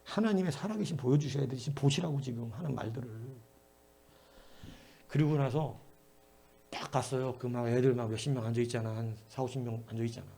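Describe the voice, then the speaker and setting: A middle-aged male pastor preaching a prayer-meeting sermon, telling stories in an animated way and swinging between emphatic bursts and low asides. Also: brisk, vocal fry, slight background noise.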